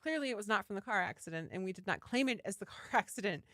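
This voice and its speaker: A woman's voice: mid-range voice, lively intonation, quick pace, fairly bright tone, no echo, studio quality. A woman hosting a casual live stream, chatting enthusiastically and reading out viewer comments. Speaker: livestream host, yarn dyer. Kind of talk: casual livestream chat.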